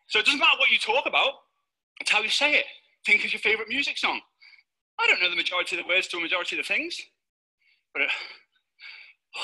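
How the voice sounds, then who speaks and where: A man giving a high-energy, playful motivational talk on stage to a live audience. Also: sharp tone, husky, low-quality recording. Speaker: motivational speaker.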